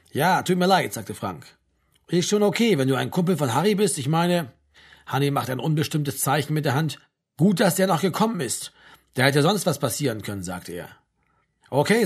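A man reading a novel aloud, narrating and voicing the dialogue of several characters, with a husky voice. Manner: drops low and quiet on dialogue tags. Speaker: audiobook reader.

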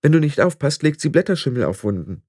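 A man doing a level-headed young witch with a firm, somewhat reproachful way of talking. The voice sits a little higher than his own and moves lively, recorded close and dry. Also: fast talker, husky, dry recording. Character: sensible, sharp-tongued young witch, girl. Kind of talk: audiobook character voice.

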